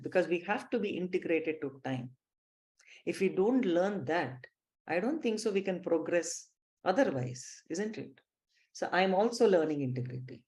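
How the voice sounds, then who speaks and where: Woman, Indian English accent, spiritual teacher; slow, emphatic, lower-pitched delivery. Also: a little mellow. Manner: slow, emphatic, teacherly, addresses listeners directly. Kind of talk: live online spiritual class.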